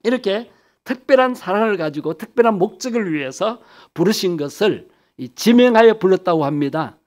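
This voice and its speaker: A man's voice: high voice, lively intonation, normal speed. A man pastor preaching a sermon, asking the congregation questions and answering them himself, stretching key phrases for emphasis.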